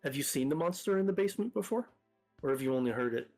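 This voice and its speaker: A man's voice: fairly high pitch, animated, fast talker, darkish tone, faint music behind. A man playing a tabletop game, asking careful follow-up questions. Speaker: player. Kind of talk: casual game talk.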